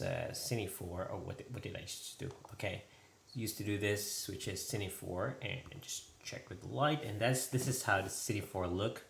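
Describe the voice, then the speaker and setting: A man's voice: low voice, gravelly, fairly bright tone. A man talking casually and hesitantly in an off-the-cuff vlog recorded indoors at home. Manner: hesitant, loose, off-the-cuff talk. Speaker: vlogger. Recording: echoey room, faint noise.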